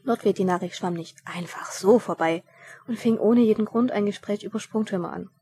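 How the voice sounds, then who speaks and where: A woman's voice: mid-range voice, moderate pace, mellow. A woman reading a story aloud and changing her voice for the characters. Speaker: narrator.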